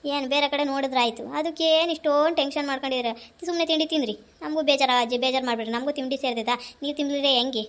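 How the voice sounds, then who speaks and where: A woman's voice: high-pitched, steady tone, fast talker, hardly any pauses, lightly acted. An actress playing a worried young wife, pleading and insistent as she urges her husband to eat. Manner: pleading, insistent, repeating herself. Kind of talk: amateur family drama skit.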